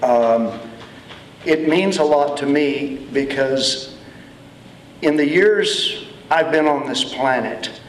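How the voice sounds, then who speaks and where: A man from Texas speaks slowly and reflectively to a festival crowd. His voice is picked up from a distance in a reverberant event hall, with a faint hum of ambience behind him. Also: on the high side. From Austin, Texas. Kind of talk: speech to an audience. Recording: echoey hall from far off.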